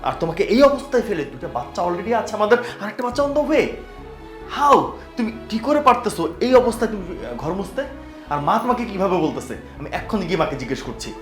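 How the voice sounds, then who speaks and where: An actor playing a devoted young husband who speaks earnestly and indignantly. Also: male voice, a little high, sing-song, fast, faint music behind. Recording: roomy echo.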